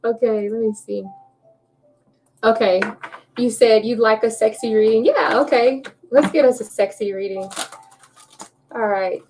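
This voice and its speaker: Woman tarot streamer, casual and talkative, laughs easily; slightly high voice, light background noise. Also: a little slow, long pauses, darkish tone. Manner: chatty, laughs often, talks to viewers while shuffling cards. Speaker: tarot reader livestream host. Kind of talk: casual livestream chat.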